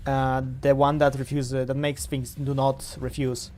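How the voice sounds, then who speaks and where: A man's voice: mid-range voice, completely flat delivery, normal speed, darkish tone, a little hiss or hum. A man streaming a game, reading dialogue aloud and commenting casually, often stumbling over words.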